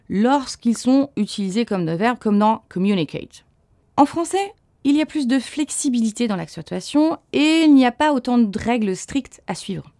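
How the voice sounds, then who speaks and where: A woman teaching a scripted pronunciation lesson, clear and didactic, reading English example words aloud. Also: on the high side, dark tone, no echo, studio quality. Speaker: language teacher.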